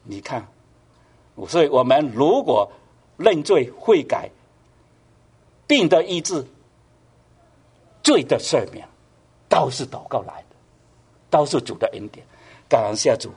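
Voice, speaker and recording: Male pastor preaching; husky, slightly high voice, lively rises and falls, frequent rhetorical questions. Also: slow, long pauses. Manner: animated preaching, rhetorical questions, voice rising with emphasis. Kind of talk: sermon.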